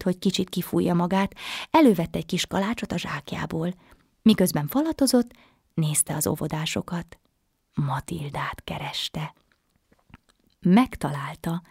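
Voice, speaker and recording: Gentle low-voiced woman reading a bedtime story. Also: breathy edge, no room sound, studio quality. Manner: gentle, often dropping to a soft whisper.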